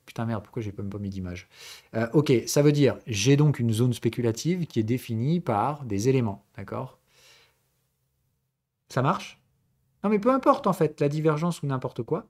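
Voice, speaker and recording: A man's voice: mid-range voice, darkish tone. A man from southern France teaching a live trading lesson. He talks casually and keeps checking in with "okay?" and "right?" as he explains. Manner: conversational tutoring, mixing formal and familiar address. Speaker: trading instructor and stream host. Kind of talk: live-streamed trading lesson, answering chat.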